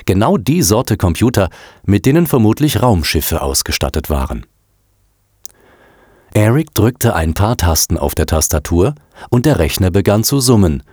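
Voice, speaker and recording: A man narrating a children's storybook in an expressive, animated reading. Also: low voice, dry recording, clean studio sound. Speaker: audiobook narrator.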